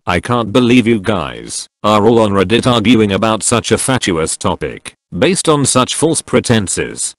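A man narrating forum posts aloud in an even, unhurried reading delivery. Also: fairly low pitch, no room sound. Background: faint background music.

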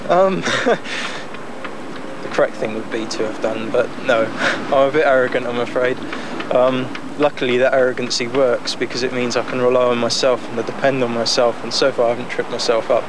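A young man talks easily about his own project, relaxed and a little cheeky, laughing between thoughts. He is recorded outdoors on a boat deck, and the 1990s news tape carries a clear layer of wind and water noise. His pitch sits mid-range for a man. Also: moderate pace. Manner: relaxed, chatty, laughs often, many fillers. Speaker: amateur boat builder. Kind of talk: casual interview.

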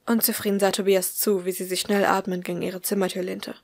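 A woman reading a story aloud as an audiobook in a calm, even manner. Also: mid-range voice, a little fast, creaky, no room sound, clean studio sound. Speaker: audiobook reader. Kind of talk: scripted narration of fan fiction.

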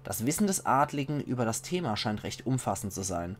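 A man with a Palatinate German accent, reading a game's book texts aloud in a measured voice and adding casual asides. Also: medium pitch, sing-song, a little hiss or hum. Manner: measured reading voice, slows for foreign titles. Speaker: let's play commentator.

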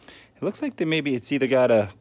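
Animated and a little fast, with a medium pitch and darkish tone, a man runs through a casual repair for his tinkering channel. He works at a table indoors, thinking aloud folksily. Background noise, clicks, and handling sounds are clearly heard.

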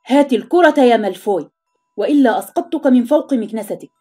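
A brave young schoolboy wizard stands up to a bully in a firm, determined voice, read by a woman narrator. The tone is mellow and softly husky, close to the reader's own. Faint chiming music plays in the background. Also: fairly high pitch, expressive, fast talker.

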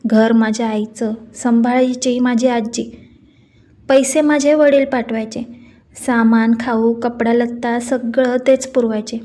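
A woman's voice: fairly high pitch, unhurried, lightly acted. A woman reading a firm, defiant young woman. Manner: firm, steady.

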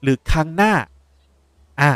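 A young man, a language teacher explaining words in a lively way while playing a game. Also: unhurried, dry recording, clean studio sound. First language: Japanese. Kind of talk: game playthrough lesson.

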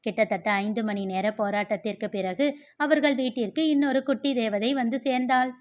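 A woman reads a novel aloud in steady audiobook narration. Her voice sits somewhat high. The recording is dull and lo-fi. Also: moderate pace. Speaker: story narrator.

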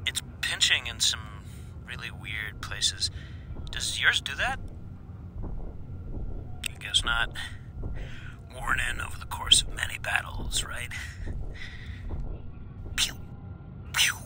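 An actor playing an eager young male rookie stormtrooper in a comedy film, rambling in a casual, awkward way. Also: medium pitch. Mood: nervous chatty. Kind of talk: short comedy film dialogue.

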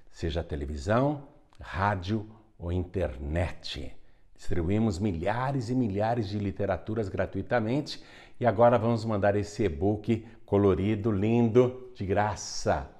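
Animated Brazilian pastor, deep warm voice. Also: male voice. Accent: Brazilian Portuguese. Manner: animated, coaxing, addresses viewer directly. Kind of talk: storytelling and appeal for donations.

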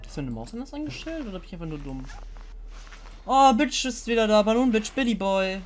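A woman's voice: mid-range voice, fairly quick, a little hiss or hum. Giggly young woman streaming a game. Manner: giggly, excitable, shrieks and laughs often. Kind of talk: live-stream gameplay commentary.

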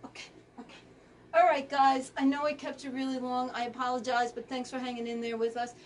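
A woman with a slightly high voice hosts a casual live sale, chatting as she goes. She sits some way back from the microphone, and a faint room hiss runs underneath. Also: little pitch movement, a little fast, recorded from a distance. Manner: chatty, reads out fabric color names. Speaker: quilt shop host.

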